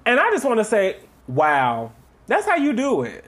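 Animated, swearing male podcast co-host. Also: high-pitched, normal speed. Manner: animated, swears freely, mimics people in exaggerated tones. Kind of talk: casual chat.

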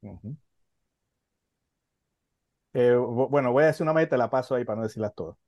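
A man co-hosting a film podcast, talking casually and stumbling through fillers and restarts as he gathers his thoughts. His voice sits at a middle pitch. The sound is dry and close. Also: fairly quick, darkish tone, dry recording, muffled recording. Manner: hesitant, many fillers and restarts. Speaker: podcast co-host.

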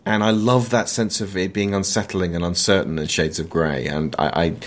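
A podcast host with a low-pitched, steady voice leads a conversational film discussion. He's emphatic and opinionated, though he sometimes halts while searching for the right words.

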